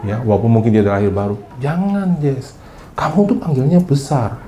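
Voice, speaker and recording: A man's voice: mid-range voice, fairly quick, mellow. A male pastor giving a casual, conversational sermon in a church hall, chatty and teasing, often turning to the congregation and mixing in English phrases.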